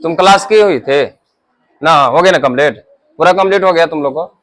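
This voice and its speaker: High-voiced teacher drilling a class. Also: male voice, a little fast, fairly bright tone. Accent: Bihari Hindi. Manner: scolding, drills pupils with call-and-response questions. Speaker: math teacher.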